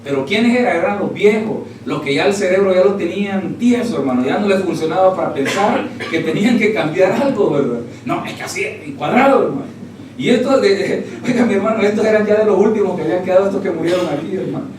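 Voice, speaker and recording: A man with a high voice preaches a sermon, calling listeners "brother" and firing rhetorical questions at them. He stands well away from the mic in a booming, echoey church hall. A faint hiss sits under the sound. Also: animated, fast, far from the mic. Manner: addresses listeners as "hermano" constantly, rhetorical questions. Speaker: pastor.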